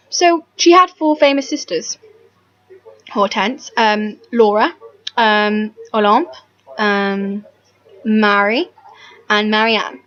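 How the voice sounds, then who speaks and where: A woman's voice: mid-range voice, fairly bright tone, lo-fi sound. A woman rambling casually about history to camera, self-deprecating, full of ums and restarts, sounding tired in the early morning. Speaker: history vlogger.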